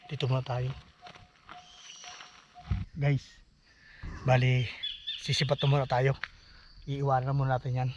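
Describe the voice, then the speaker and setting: A man vlogging outdoors near a forest, talking in a hushed, uneasy way and urging his companion to leave. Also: mid-range voice, completely flat delivery, a little slow, long pauses. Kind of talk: casual vlog narration. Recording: dull lo-fi phone audio with outdoor noise.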